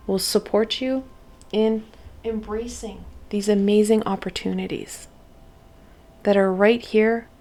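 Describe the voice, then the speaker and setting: A woman giving a spiritual oracle card reading to her viewers, talking in a gentle, encouraging way with thoughtful pauses. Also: mid-range voice.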